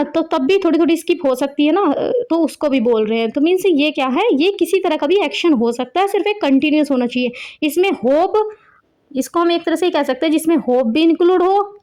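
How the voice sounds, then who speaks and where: A woman's voice: sits high, darkish tone. A woman teaching young children an English rhyme, explaining in Hindi mixed with English words and asking herself questions as she goes.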